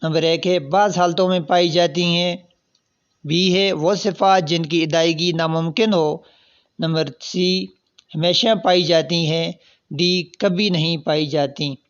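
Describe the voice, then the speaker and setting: A man's voice: fairly high pitch, fairly even intonation, clear, resonant tone, muffled recording. A man teaching, reading exam questions and their options aloud, then explaining each correct answer step by step. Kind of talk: solving past exam questions.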